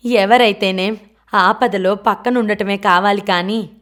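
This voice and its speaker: A woman voicing a sharp-tongued older aunt who scolds her lazy nephew, read in an audiobook. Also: medium pitch, fairly even intonation, measured pace, lightly acted. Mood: scolding. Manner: scolding, reproachful.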